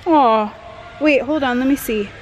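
A woman's voice: high-pitched, unhurried, slight background noise, rough recording. A woman chatting casually and teasingly, giggly as she talks from behind a camera. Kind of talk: casual chat. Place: large indoor skatepark.

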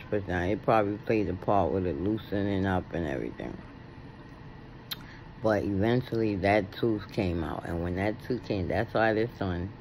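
Middle aged american guy with no teeth chatting to his phone, creaky low voice, lots of pauses, hum behind him. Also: poor audio. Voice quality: toothless, soft-edged articulation. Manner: halting, with long pauses. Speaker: video blogger. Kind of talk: casual chat to camera. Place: indoors at home, reclining. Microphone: phone at arm's length.

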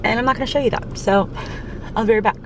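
A woman's voice: on the high side, fairly even intonation, fast talker, background noise. A young woman vlogging to a dashboard camera inside her parked car, chatting and rambling as she explains each step. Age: young adult. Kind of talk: casual vlog talk to camera.

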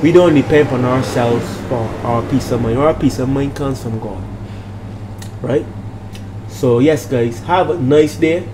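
A little slow, with a mid-range voice, an older man from Barbados hosts his channel as a minister, chatting casually but with preachy emphasis. He repeats phrases and checks on his audience, recording in a small room at home where noise and a constant hum persist.

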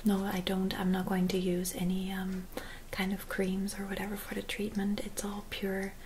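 A woman in her twenties doing a whispered role-play as a spa attendant, speaking softly and gently in an attentive, whispery voice. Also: mid-range voice, monotone, normal speed, a little hiss or hum. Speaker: ASMR performer playing a spa clinic receptionist and therapist. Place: small dim room at home.

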